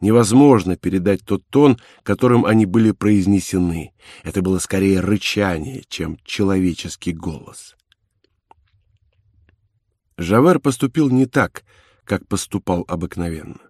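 A man's voice: deep voice, a little slow, darkish tone, dry recording. Grave male audiobook narrator, dry sound. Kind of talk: dramatic literary narration.

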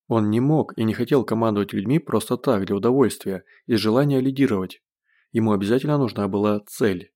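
A man narrating an audiobook in a steady, measured reading. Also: lowish voice.

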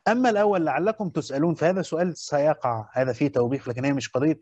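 A man with an Egyptian accent gives a classroom lesson at a quick clip in a slightly raised voice. He repeats his key points and stops often to ask whether his listeners follow. The recording is dull and dry, with no room sound. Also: a little high, a little mellow, dry recording. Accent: Egyptian Arabic. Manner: repeats key phrases and checks understanding with questions. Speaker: teacher explaining a Quran commentary.

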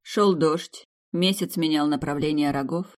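An audiobook narrator reading a first-person fantasy novel in a plain, steady way. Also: mid-range voice, unhurried.

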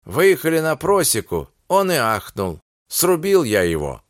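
A man's voice: on the high side, huge pitch swings, measured pace, dry recording, clean studio sound, pitched above the performer's own voice. A man voicing a cold, insolent Cossack soldier who answers in curt, sneering retorts, within an audiobook reading.

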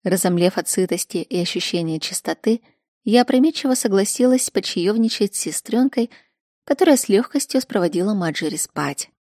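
A woman narrating a first-person story in an even, measured reading. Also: mid-range voice, no echo, studio quality. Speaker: audiobook narrator.

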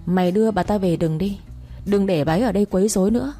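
A woman's voice: medium pitch, fast, mellow, soft background music, lightly acted. A woman voicing a boastful, wealthy old landlord who gives orders and scolds. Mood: commanding.

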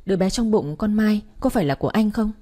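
A woman's voice: medium pitch, animated, fast talker, lightly acted. Woman voicing a betrayed wife in fury. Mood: forced calm. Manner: shouting, demanding accusations. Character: betrayed wife, furious and desperate.

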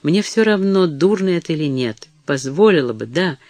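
A woman's voice: deep voice, animated, moderate pace, a little mellow, no room sound. A male reader voicing a stiff, proud younger woman who cries out sharply between sobs in an audiobook. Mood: hysterical.

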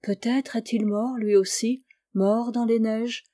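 A woman narrating a literary story as an audiobook, with expressive, dramatic delivery. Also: a little high, takes it slowly. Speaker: audiobook reader.

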